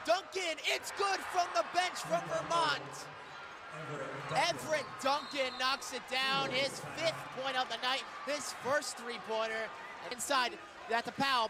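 A young man with a very high voice delivers live radio commentary on a college basketball game from courtside, in quick, punchy bursts of excitement that sometimes become shouts. The recording carries loud arena crowd and court noise, including a bouncing ball.

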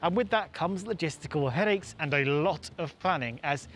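A young man presenting an explainer outdoors, his voice sitting a bit high and his delivery lively and wry. He speaks straight to camera on location. Faint music plays underneath. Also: normal speed. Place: outdoors by a waterfront and an exhibition centre.

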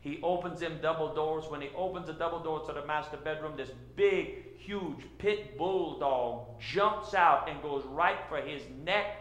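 A middle-aged man with a Cajun accent doing folksy stand-up storytelling in a drawn-out way on a stage. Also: a little high, a bit bright. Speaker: comedian. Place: indoor church-like hall, on stage before seated audience. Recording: roomy echo of a live stage.

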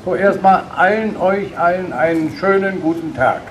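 A man's voice: sits high, moderate pace. A man giving a formal ceremonial welcome speech to a parade, with drill commands, as leader of a shooting guild. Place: outdoors in a courtyard before half-timbered buildings. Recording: noisy outdoor recording, heard from some distance.

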